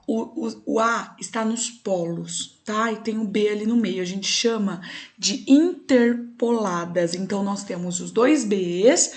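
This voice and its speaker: A woman's voice: medium pitch, unhurried. A young adult woman with a Brazilian Portuguese accent, teaching a recorded online class and explaining step by step, often checking in with "tá?".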